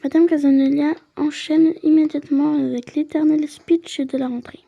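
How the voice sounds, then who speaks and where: A woman's voice: sits high, fairly even intonation, moderate pace, creaky, dull audio. A woman playing a story game, reading the narration aloud and adding chatty asides of her own. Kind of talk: casual playthrough with read-aloud narration.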